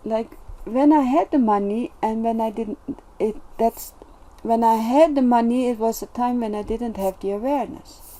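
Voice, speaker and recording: A woman vlogger talking in a casual, reflective monologue, gentle and earnest, with many pauses and restarts. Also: fairly high pitch. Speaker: self-development vlogger.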